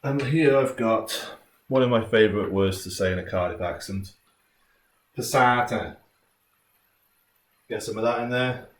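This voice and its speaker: A British man presenting a recipe in a laid-back, jokey, chatty way, like a casual cooking tutorial. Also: lowish voice. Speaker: home cook presenting a recipe. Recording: roomy, distant mic, faint noise.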